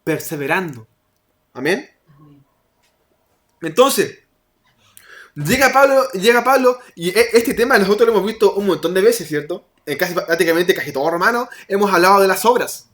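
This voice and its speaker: High-voiced man preaching. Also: animated, a bit bright. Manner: conversational preaching with quick asides and laughs. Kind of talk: sermon.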